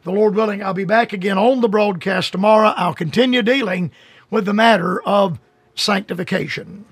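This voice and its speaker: A man's voice: high-pitched, normal speed, husky, no echo. An older man preaching a radio sermon in an earnest manner, stretching out key phrases for emphasis.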